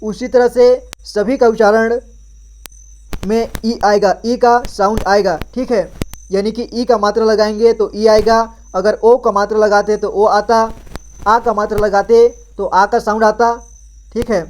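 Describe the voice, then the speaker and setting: A man's voice: high-pitched, little pitch movement, a little slow, darkish tone. Patient man teaching Hindi reading. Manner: patient, repeats each syllable, asks the viewer to read. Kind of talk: children's reading lesson.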